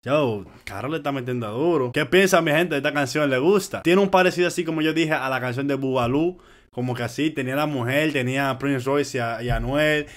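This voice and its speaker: Man, music reaction host, casual animated talk, slangy, mid-pitched voice. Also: a little fast. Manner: chatty, animated, slangy, talks straight to viewers. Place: home in Orlando.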